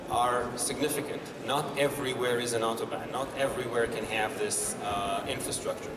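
A man in his thirties giving a conversational conference talk on a stage, with wry asides. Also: medium pitch. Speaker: company founder presenting. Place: exhibition hall stage. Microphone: handheld mic, far camera. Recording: roomy hall from far off, noisy.

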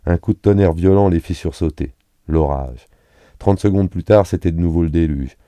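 A man reading a serialized novel aloud in an even, unhurried narration on a close studio mic. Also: low voice, no room sound. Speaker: audiobook reader.

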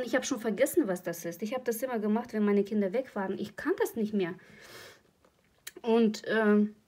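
Brief: woman vlogger, husky voice, rambling emotional chat at home. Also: on the high side, darkish tone. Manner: chatty, rambling and emotional, laughs often. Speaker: crochet channel host. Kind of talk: casual vlog chat.

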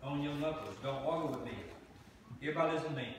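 A man's voice: a little high, fast. Stern older man barking dojo commands. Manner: stern, commanding, short barked calls. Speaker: martial arts instructor. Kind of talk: refereeing kids' sparring class. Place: large indoor dojo with mats. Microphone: far camera. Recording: echoey hall from far off, loud room noise.

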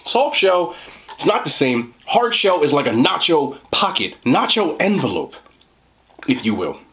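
A man's voice: fairly high pitch, very animated, a little slow, fairly bright tone. A young man doing a mukbang eating chat, joking in slang and talking while he chews. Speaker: food reviewer.

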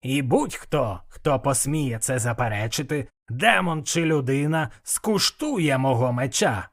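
A man's voice: medium pitch, lively intonation, a little slow. A man voicing a proud, stubborn male demon hunter who declaims pompously, in an audiobook.

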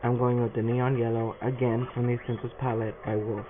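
A man's voice: medium pitch, flat delivery, a little fast, noisy background. A man, a face painter, casually talking through a face paint tutorial with a lot of "um" fillers. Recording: tinny phone-like recording with music.

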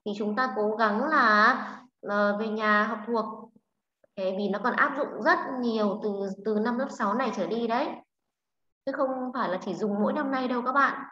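Woman teacher, high and bright, patient explainer who keeps checking the class, roomy dull recording. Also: moderate pace. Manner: checks understanding with frequent tag questions. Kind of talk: online English lesson for a class. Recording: roomy, slightly dull sound.

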